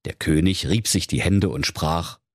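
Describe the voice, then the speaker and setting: A man's voice: low-pitched, measured pace, dry recording, studio quality. A middle-aged man with a Saxon accent narrating a comic fairy tale playfully for children. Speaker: storyteller.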